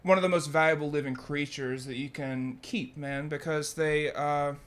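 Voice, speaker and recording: A young man, a farmer chatting casually as a guest, relaxed and full of fillers. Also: a little high, normal speed. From Louisiana, US. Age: young adult. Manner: laid-back, says "man" often, many fillers. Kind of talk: casual conversation.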